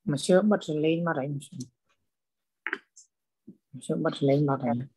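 A man's voice: on the high side, slow pace, mellow, breathy edge, no room sound. A man student in a class, insistent and repeating himself.

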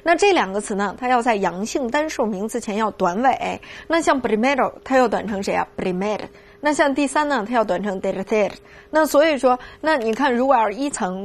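A woman teaches vocabulary in a fairly high voice. She keeps asking rhetorical questions and drills each word slowly, twice over. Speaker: Spanish language teacher. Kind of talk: vocabulary lesson.

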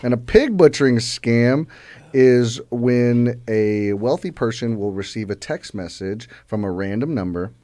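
A man's voice: mid-range voice, lively intonation, unhurried, dark tone, no room sound. A man co-hosting a podcast, telling stories loosely with lots of fillers. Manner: loose, filler-heavy storytelling. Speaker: podcast co-host. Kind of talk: casual podcast chat.

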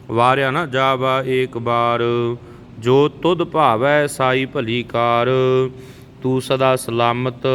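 A man teaching scripture pronunciation, reciting verses in a measured way and correcting words in quick asides. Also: fairly bright tone. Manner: slow measured recitation, brisk spoken corrections. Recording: reverberant hall, faint rumble.

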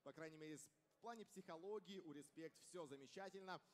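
A man's voice: a little high, quick pace. Young man commentating in a reverberant hall. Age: young adult. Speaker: esports commentator. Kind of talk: live match commentary. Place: caster desk on stage in large indoor arena. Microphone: headset. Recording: reverberant large event hall.

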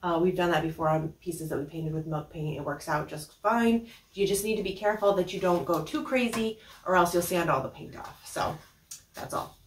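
Lowish-voiced woman showing a diy furniture job, chatty w/ ums, echoey little workshop. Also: moderate pace, slight background noise. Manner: chatty, explains while working, frequent ums. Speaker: furniture upcycling host. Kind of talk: casual how-to demonstration. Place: small indoor workshop studio.

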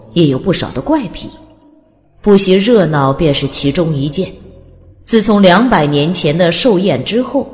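As a dramatic storyteller, a woman narrates scripted fantasy for an audiobook. Her voice is deep for a woman and richly modulated, carried in a long reverb over soft, quiet music.

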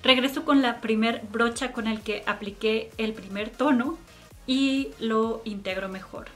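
A woman's voice: on the high side, unhurried, soft background music. Chatty woman reviewing makeup. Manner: chatty, fond of diminutives. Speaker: beauty vlogger. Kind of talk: makeup tutorial and product review.

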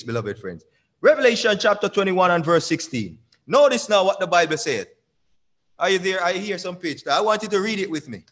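Young male preacher, high voice, call-and-response sermon, pulpit microphone. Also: fairly bright tone. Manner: call-and-response preaching, drawn-out emphatic lines, asks the congregation. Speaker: church elder preaching. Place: small church sanctuary at a pulpit. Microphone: pulpit microphone on a stand.

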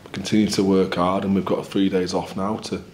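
A man in his forties, a rugby head coach answering post-match questions at a press conference in a candid, measured, upbeat way. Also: sits low, flat delivery, darkish tone, slight background noise. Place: small indoor press room in front of a sponsor backdrop.

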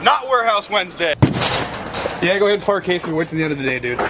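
A man's voice: high voice, very animated, quick pace, very noisy. A young man doing a comedic vlog skit, repeating a catchphrase in many playful voices outside a warehouse. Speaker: vlogger. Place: outdoors by a warehouse lot.

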